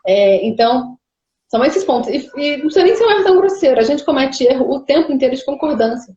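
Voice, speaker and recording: A high-voiced woman from Brazil chats in an animated, argumentative way and keeps asking rhetorical questions. Her audio is echoey and a little dull, as if it comes from a remote call. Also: fast talker. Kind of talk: casual chat.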